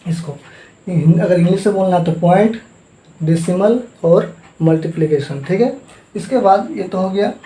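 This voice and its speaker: A man with a high-pitched, warm voice speaks at a normal pace while teaching a math lesson. He repeats each term and has the class say it back in call-and-response drills. The room sounds echoey.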